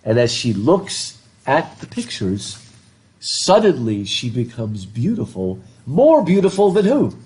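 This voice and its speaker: Standing before a blackboard, a middle-aged professor lectures his class in a mellow, medium-pitched voice that sounds thick and stuffed up. He speaks unhurriedly with huge swings in pitch, joking, laughing and putting questions to the students, all captured on a laptop webcam.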